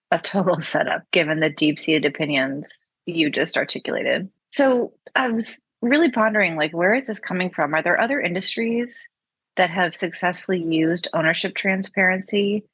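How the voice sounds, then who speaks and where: Husky-voiced woman on a podcast. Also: fairly low pitch, a bit bright, no echo. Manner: inquisitive, conversational. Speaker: podcast co-host. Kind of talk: podcast discussion.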